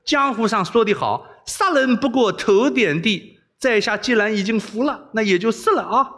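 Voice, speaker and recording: A man voicing a cheeky, cowardly young male rogue who yells, pleads and blusters, high above his own voice. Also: lively intonation, moderate pace, big-room sound. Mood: blustering.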